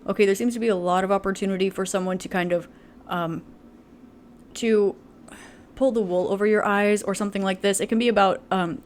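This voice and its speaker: A woman talks straight to her viewers through a casual tarot reading. She is chatty and loose, with plenty of fillers, and she keeps laughing between thoughts. Her voice sits at a mid pitch. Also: slight background noise. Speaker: tarot reader.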